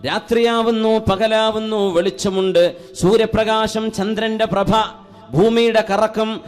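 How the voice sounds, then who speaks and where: A man preaching a sermon who chants Arabic verses slowly in a sung recitation and drops to quiet questions for the audience. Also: high-pitched, fairly even intonation, smooth, soft background music. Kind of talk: Islamic sermon.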